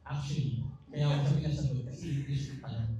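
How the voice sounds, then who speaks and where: A man's voice: mid-range voice, fast, lo-fi sound, heavy background noise. A man speaking as a guest at a live event, rambling and joking. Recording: roomy, distant live venue audio.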